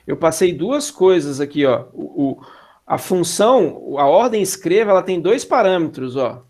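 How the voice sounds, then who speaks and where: A man with a slightly high voice teaching a classroom lesson on algorithms. He keeps it casual and relaxed, pauses often to check whether the students are following, and drops in slangy asides. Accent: Brazilian Portuguese. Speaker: instructor. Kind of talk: classroom lecture.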